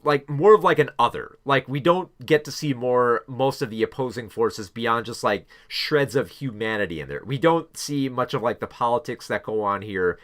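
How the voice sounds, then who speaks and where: A man's voice: mid-range voice, normal speed, few pauses. A man giving a casual spoken film review, rambling with many fillers and restarts.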